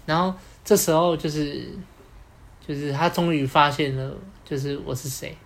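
A man's voice: on the high side, steady tone, moderate pace. A young man with a Taiwanese Mandarin accent, telling a personal story as a podcast co-host, rambling along with many fillers. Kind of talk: casual storytelling chat.

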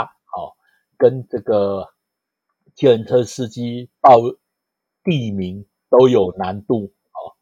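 A middle-aged man with a Taiwanese Mandarin accent speaks in a fairly low voice. He tells anecdotes conversationally and explains as he goes, dropping in small interjections. The sound is dry and close. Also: warm tone, husky, dry recording. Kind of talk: conversational storytelling.

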